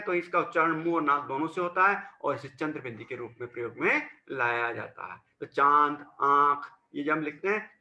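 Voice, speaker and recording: A male teacher giving a patient lesson to children, repeating and spelling out each sound slowly. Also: a little high, bright, forceful tone, roomy sound. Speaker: school teacher. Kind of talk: classroom lesson on Hindi grammar.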